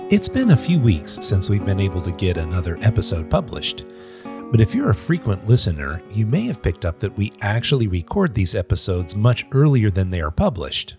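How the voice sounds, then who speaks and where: Lively male podcast host. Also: lowish voice, a little fast, music in the background. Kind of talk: podcast intro and interview.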